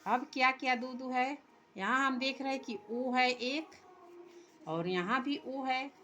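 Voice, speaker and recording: Slow-paced woman teaching small kids. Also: high-pitched, bright, forceful tone, muffled recording, a little hiss or hum. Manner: explains step by step, translating English words into Hindi; reads English lines very slowly. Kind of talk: workbook lesson for young children.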